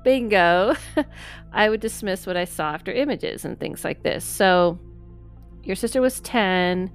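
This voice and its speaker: A woman hosts a podcast, chatting casually with a guest in an interview, often affirming and laughing easily. Her mid-range voice is smooth and a little slow, with soft music playing in the background.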